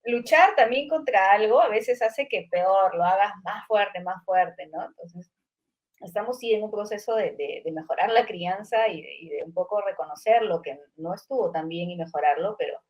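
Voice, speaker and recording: Middle-aged woman, psychologist co-host; reflective, filler-heavy chat, mid pitch. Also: moderate pace, highs cut off. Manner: reflective, many fillers and tag questions. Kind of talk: casual conversation.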